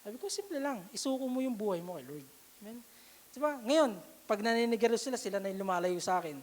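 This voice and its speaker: A woman's voice: fairly high pitch, animated, fast talker, a little mellow. A woman giving an emotional testimony sermon at a church service, often asking the congregation "Amen?". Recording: long hall reverb.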